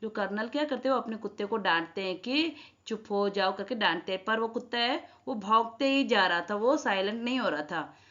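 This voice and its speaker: A woman's voice: a little high, animated, a little fast, a bit bright. A woman teacher explaining a school reading lesson to children. She rereads each sentence and then explains its words in English. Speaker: Hindi teacher. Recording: dull lo-fi sound.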